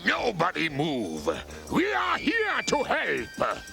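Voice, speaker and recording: A booming, theatrical cartoon pirate captain. His voice is gravelly and climbs high, swinging widely in pitch. He takes his time over every line. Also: huge pitch swings, takes it slowly, music in the background, full character voice. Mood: amused. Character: gruff bearded man playing pirate Greybeard. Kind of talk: cartoon voice acting.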